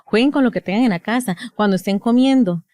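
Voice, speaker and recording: Costa Rican woman, 30s, speech therapist on a podcast, animated, acts out quotes, dry close sound. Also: a little high, quick pace, no echo. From Costa Rica. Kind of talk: casual podcast conversation.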